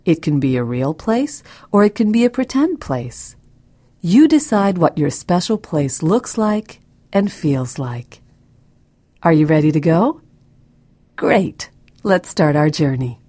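Female narrator for children's guided relaxation: soft, breathy, mellow, soothing and gentle, recorded close and dry. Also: sits low, sing-song, takes it slowly, no room sound. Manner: soft, soothing, gentle delivery with breathy, near-whispered phrases.

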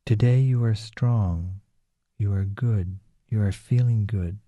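A man reading a guided relaxation script in a slow, soothing, calm way. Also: fairly low pitch, no room sound. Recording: dull lo-fi recording.

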